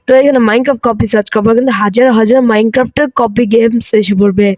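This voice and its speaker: A hoarse man hosting a gaming channel, chatty and excitable as he comments on mobile gameplay, with English phrases mixed in. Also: extremely high pitch, fairly quick, no room sound. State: hoarse, coughing.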